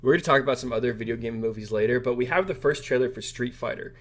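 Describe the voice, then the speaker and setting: A medium-pitched man talks quickly as co-host of a casual movie podcast. He chats informally and a bit tentatively, often letting his sentences trail off.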